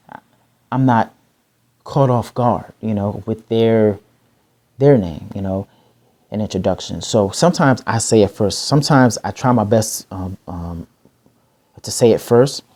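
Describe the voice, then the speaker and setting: A middle-aged man talking casually to the camera about his stutter, slow and halting, with many fillers and restarts. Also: fairly low pitch, warm tone. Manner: slow, halting and repetitive, with fillers and self-corrections. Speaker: vlogger sharing stuttering tips.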